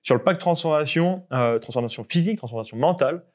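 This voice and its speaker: A young man fitness coach explaining tips to the viewer in a casual way, often checking in with a quick "ok?". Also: a little high, expressive, a little mellow.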